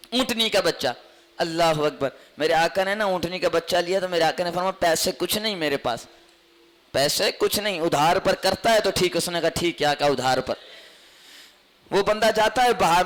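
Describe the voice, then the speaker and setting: Male preacher, Pakistani Urdu accent, high-pitched and emotive storytelling delivery. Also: fairly bright tone. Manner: emotive, repeats lines for emphasis. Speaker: religious speaker. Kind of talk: devotional storytelling sermon.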